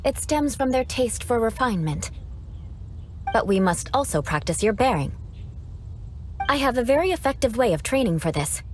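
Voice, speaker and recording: A woman's voice: on the high side, big pitch swings, moderate pace, long pauses. A woman playing a proud young aristocratic knight in a game cutscene, speaking formally with a poised, dryly teasing manner. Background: game music.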